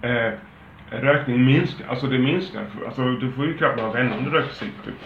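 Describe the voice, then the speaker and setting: A man hosting his own show, ranting casually in a heated, profane, restless way. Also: medium pitch. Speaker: host. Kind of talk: casual opinion rant. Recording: roomy, dull, faint background hum.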